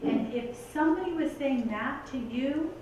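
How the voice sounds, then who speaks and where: An earnest woman delivers a motivational talk in a chatty, direct way. Her fairly high voice carries through a big, echoey hall and is picked up from a distance. A faint room hum sits under it. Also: expressive, normal speed, darkish tone. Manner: earnest, conversational, heavy use of "like" and "you guys". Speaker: motivational speaker. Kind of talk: motivational talk to a live audience.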